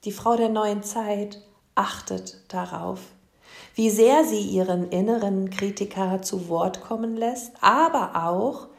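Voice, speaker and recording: A woman hosting her own podcast as a spiritual coach, speaking gently and addressing the listener directly in a soothing monologue. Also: mid-range voice, takes it slowly, gravelly, reverberant.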